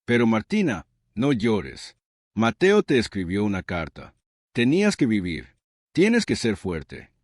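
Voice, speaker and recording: Soothing storybook woman, voiced by male narrator, soft, slow, dry sound. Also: fairly low pitch, no room sound, full character voice. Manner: soft, calm, slow consoling. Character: gentle comforting woman, soothing.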